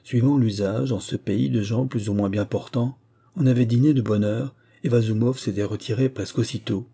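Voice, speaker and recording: A man reading a novel aloud in a measured, expressive narration. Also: medium pitch, creaky, slightly rough. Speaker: audiobook narrator.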